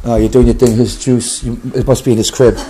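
An older man, a grandfather, talking to a toddler at home in slow, coaxing baby talk. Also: medium pitch, flat delivery, dark tone. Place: family home.

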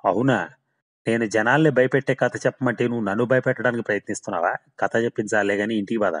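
A man's voice: medium pitch, fast talker, natural voice. Man voicing a scoffing skeptical writer. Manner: mocking, sarcastic.

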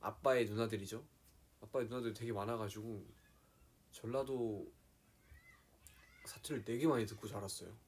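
A soft-spoken young man chatting casually on a live stream, slipping into quiet asides and playful dialect impressions. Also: lowish voice, steady tone, moderate pace, long pauses, breathy edge.

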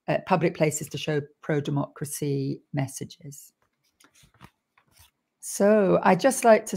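An older woman hosting an online film premiere over a video call, speaking gently and in a measured way with frequent pauses. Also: fairly low pitch, gravelly. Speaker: event host. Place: room indoors.

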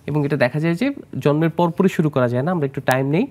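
A male plastic surgeon from Bangladesh, guest on a studio health interview, describes treatments quickly in a fairly high voice with a little mellowness. He explains things patiently, drops in English medical terms, and questions the host.

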